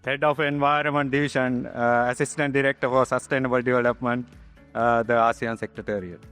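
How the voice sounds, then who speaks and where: A man gives a moderator's podium speech with a smooth, clear voice and halting, informal phrasing. Hall reverberation surrounds him, and music is audible underneath. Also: mid-range voice, little pitch movement, fairly bright tone. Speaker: panel moderator. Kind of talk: podium speech, introducing panelists. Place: large conference hall.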